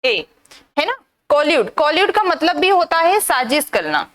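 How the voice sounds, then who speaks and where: A woman's voice: high voice, very animated, normal speed, fairly bright tone. A woman teaching English vocabulary in a live online class, drilling students with rhetorical questions and scolding them now and then. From India.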